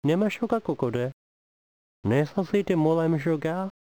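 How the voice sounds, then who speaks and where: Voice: mid-range voice, animated, normal speed, dark tone, dry recording, close to an everyday voice. A comedian performing a pushy, teasing foreign envoy who badgers the audience with questions in a comic monologue. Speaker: stand-up comedian.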